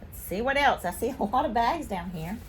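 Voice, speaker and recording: A woman from Spain hosting a casual haul vlog, chatting excitedly as she unboxes her purchases. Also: on the high side, a little fast, a little hiss or hum. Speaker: vlog host.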